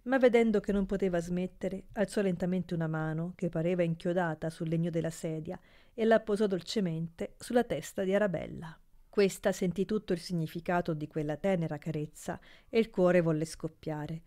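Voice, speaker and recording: A woman narrates a classic novel as an audiobook with a measured, expressive delivery. Her voice sits somewhat low.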